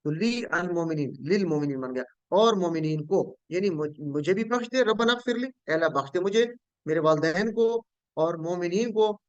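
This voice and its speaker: A man's voice: high-pitched, expressive, normal speed, no echo, dull audio. A man teaching a Quranic Arabic lesson, patiently repeating each word and quizzing his students.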